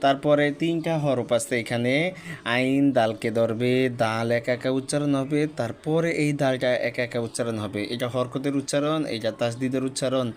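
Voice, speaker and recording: Man slowly drilling letter-by-letter recitation. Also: medium pitch. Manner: spells out each letter and vowel mark, then blends the syllable; patient, step-by-step explaining. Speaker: Quran reading teacher. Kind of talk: slow, repetitive recitation drill.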